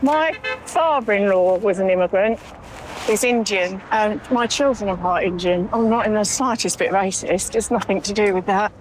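A woman's voice: medium pitch, normal speed, a little hiss or hum, low-quality recording. A woman resident speaking anxiously and earnestly in an outdoor street interview. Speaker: local resident at a march.

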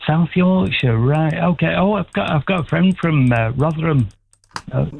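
A man's voice: on the high side, normal speed, gravelly, a little mellow, a little hiss or hum. A man of sixty calling in to a radio show, talking in a rambling, hesitant, friendly way. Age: 60s. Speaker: caller. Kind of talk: casual phone-in chat. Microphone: telephone. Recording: tinny phone line.

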